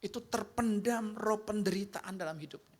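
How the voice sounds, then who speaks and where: A man preaches in a relaxed, conversational way, speaking straight to his congregation. His delivery moves from animated passages to hushed ones. He acts out the complaints and prayers he describes. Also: high-pitched, moderate pace. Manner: talks directly to the congregation, shifting between animated and hushed delivery. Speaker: pastor. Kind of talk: conversational sermon.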